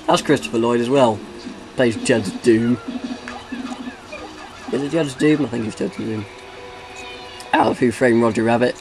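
A man's voice: medium pitch, a little slow, long pauses, over music. A man giving casual let's-play commentary as he plays, rambling and joking and breaking into bits of song. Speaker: game commentator. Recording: noisy home recording.

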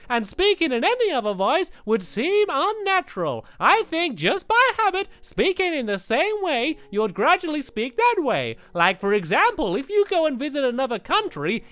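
A man putting on a silly, high, sing-song voice, drawing his words out slowly. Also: pushed and bright, no room sound, full character voice. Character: silly high-pitched put-on male voice.

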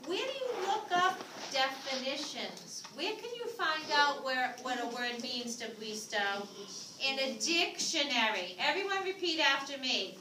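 A woman's voice: high-pitched, animated, unhurried. A woman teaching a class as a visiting teacher, patiently prompting students to repeat her words, in a school classroom. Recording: echoey classroom from far off, noisy.

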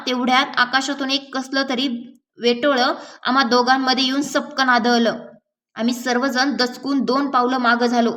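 Woman narrator, high voice, measured gentle storytelling, audiobook reading. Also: far from the mic. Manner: measured, gentle storytelling with small slips and restarts. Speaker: audiobook reader. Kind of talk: reading a novel aloud.

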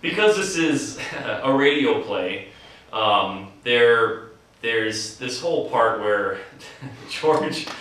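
An American actor and writer in his thirties chats casually as an interviewee, joking and mock-boasting. His medium-pitched voice is expressive, a bit bright, and extremely slow. He's on an indoor theatre set, captured by a distant mic in an echoey room with faint noise.

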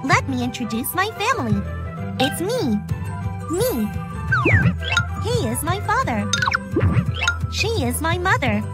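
A woman slowly saying simple phrases and repeated words for a children's English clip. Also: sits high. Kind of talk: slow children's language drill over music. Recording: loud children's music behind.

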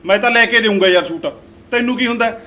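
A man's voice: extremely high pitch, pushed and bright. An actor playing a protective brother who insists on buying gifts for his sister and argues with his wife. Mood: insistent. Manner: insistent and quick to anger. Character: hot-tempered loving brother, a village husband.

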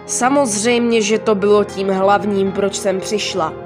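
A woman's voice: medium pitch, steady tone, over music, lightly acted. Brief: tearful mother, apologetic whimper, woman reader.

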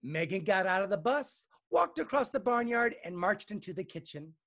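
A man reading a children's storybook aloud to young listeners in a lively, expressive, playful way. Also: high-pitched, moderate pace, vocal fry.

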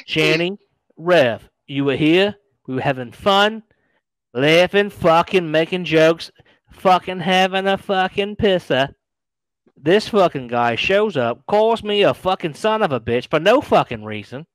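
New host in a stream fight, fairly high voice, combative, sarcastic and profane, dry close sound. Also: male voice, expressive, a little slow, dry recording. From New England. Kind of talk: heated live-stream argument.

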